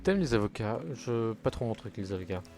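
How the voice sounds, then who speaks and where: A man's voice: on the low side, lively intonation, a little fast, a little mellow, faint music behind. A young man chatting casually while streaming a car football game, rambling from topic to topic and swearing when plays go wrong. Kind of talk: casual gaming commentary.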